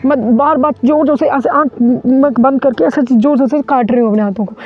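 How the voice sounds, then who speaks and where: A woman mountaineer from India recounts an ordeal during an interview, her telling vivid, urgent and full of restarts. She speaks briskly in a high-sitting voice, over dull lo-fi audio with faint music.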